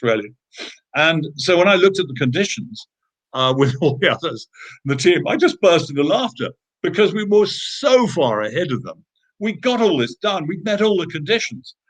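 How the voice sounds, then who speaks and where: A British man, a guest in an interview, telling a story in a conversational way: emphatic, with frequent fillers and restarts. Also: a little high.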